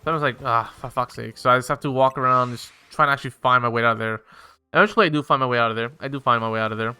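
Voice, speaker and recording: A man's voice: mid-range voice, racing, pushed and bright, clean tone, faint music behind. A young man casually telling a rambling, profane story while he plays a game. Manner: rambling, profane, filler-heavy.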